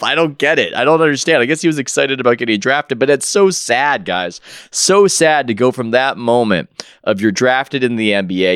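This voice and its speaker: A man, a guest writer on a casual podcast, telling an animated story. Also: fairly low pitch, smooth, no room sound, studio quality.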